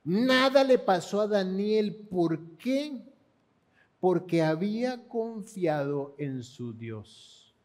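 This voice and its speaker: A man's voice: sits high, animated, extremely slow, darkish tone. A man with a Panamanian accent preaching a sermon, retelling scripture dramatically and asking the congregation rhetorical questions. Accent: Panamanian Spanish.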